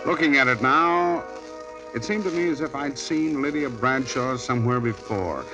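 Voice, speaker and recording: A man's voice: medium pitch, moderate pace, over music, lightly acted, low-quality recording. A man playing a wry hardboiled private detective in a 1950s radio drama, narrating in a dry voice and questioning people.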